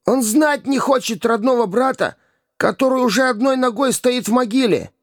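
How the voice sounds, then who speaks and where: A man's voice: very high-pitched, normal speed, dry recording, clean studio sound, voice pushed up. A man voicing a cunning, mocking vagabond boy in a storybook reading, jeering and wheedling. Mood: whining plea. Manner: wheedling, jeering, pleading when begging.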